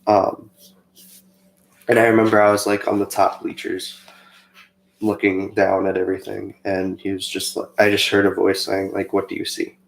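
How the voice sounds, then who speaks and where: A young man telling a personal story in a casual, chatty way, rambling with fillers and turning animated when he quotes himself. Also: low voice, moderate pace, gravelly, pauses often. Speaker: co-host of a faith channel. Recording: echoey room.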